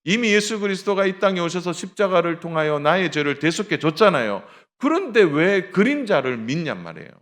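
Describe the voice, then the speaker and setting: Korean man preaching with lively pitch. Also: a little fast, few pauses. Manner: tells a story with acted dialogue, addresses the congregation directly. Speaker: pastor. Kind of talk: sermon.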